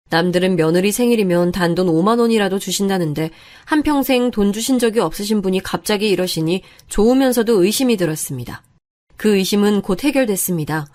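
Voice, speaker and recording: A woman reading a scripted first-person family story in a steady, plain confessional manner. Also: medium pitch.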